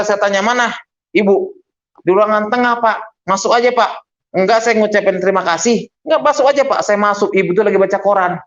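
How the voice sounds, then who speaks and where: A middle-aged man, a pastor giving a testimony sermon and acting out the dialogue in his stories. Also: high voice. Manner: animated storyteller acting out dialogue. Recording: dull lo-fi recording.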